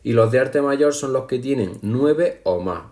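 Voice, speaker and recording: A man teaching a language lesson in a patient, explanatory way, counting syllables aloud slowly and speaking to his students directly. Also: mid-range voice, animated, dark tone. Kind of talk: classroom explanation over slides.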